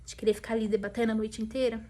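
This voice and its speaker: A woman's voice: a little high, level tone, racing, warm tone. A woman with a Brazilian Portuguese accent sharing a personal faith testimony with her viewers. She speaks emotionally, repeats phrases for emphasis and keeps turning to the audience, sometimes dropping into a whisper.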